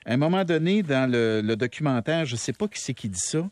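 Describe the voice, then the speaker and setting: Lively Québécois male interviewer. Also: medium pitch, a little fast, no echo. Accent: Québécois French. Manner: enthusiastic, eager interjections. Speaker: interviewer, host. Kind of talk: casual interview.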